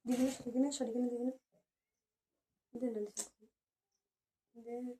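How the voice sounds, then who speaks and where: A woman's voice: a little high, flat delivery, measured pace, warm tone, slight background noise. A woman in casual home chat, coaxing and teasing, repeating her requests. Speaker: wife.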